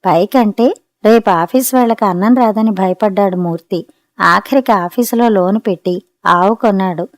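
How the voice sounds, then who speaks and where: A woman narrating a family story in a steady, gentle storytelling manner. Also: mid-range voice, moderate pace, no echo, clean studio sound. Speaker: audiobook narrator.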